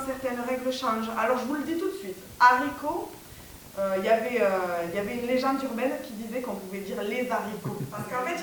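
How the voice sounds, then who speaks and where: A woman French teacher giving an animated lecture on pronunciation, checking in with her audience as she goes. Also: on the high side. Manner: animated, corrects pronunciation, asks the audience questions. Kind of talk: lively classroom lecture. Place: lecture hall. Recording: echoey hall from far off, faint hiss.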